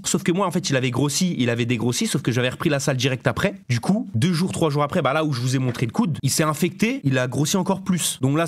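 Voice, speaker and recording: A man in his twenties chatting casually on a live stream, bantering with his chat in quick slang. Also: mid-range voice.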